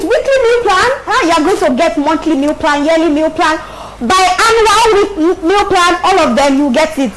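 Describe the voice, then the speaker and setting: A woman's voice: very high voice, low-quality recording. A Nigerian woman chatting casually with her viewers while she cooks, laughing often and mixing in pidgin phrases. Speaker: cooking livestreamer.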